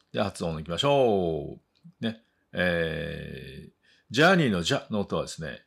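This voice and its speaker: Husky low-voiced man teaching English words. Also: fairly bright tone. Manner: slow drawn-out model words, then quick chatty asides; repeats each word twice for learners. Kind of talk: vocabulary pronunciation lesson.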